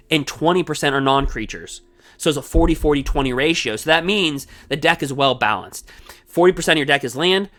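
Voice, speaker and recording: A man hosting his own card game channel, talking fast and energetically in a rambling, casual way with many asides. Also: on the high side, fairly bright tone. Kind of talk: casual solo gameplay commentary. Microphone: desk microphone.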